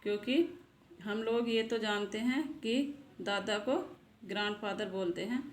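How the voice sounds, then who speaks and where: A woman's voice: medium pitch, steady tone, measured pace. A woman hosting a casual vocabulary lesson, asking a question and answering it herself, repeating each word twice. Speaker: channel host and English teacher. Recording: echoey room with faint noise.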